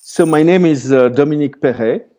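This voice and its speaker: A man's voice: on the high side, brisk, mellow. A man from Switzerland whose first language is French, a freeride skier speaking as a guest in a casual interview, with frequent restarts and fillers. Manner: hesitant, many restarts and fillers.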